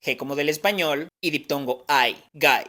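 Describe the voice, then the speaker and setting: A man's voice: on the high side, normal speed, sharp tone. A man teaching English pronunciation in a phonetics lesson, patiently explaining each sound step by step.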